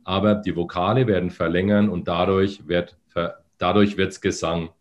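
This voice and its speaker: A male voice coach with a fairly low voice that is still a bit phlegmy from the morning. He explains patiently and breaks into hummed syllables and drawn-out sung lines to demonstrate. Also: level tone, dull audio. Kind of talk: demonstrating voice exercises in a podcast.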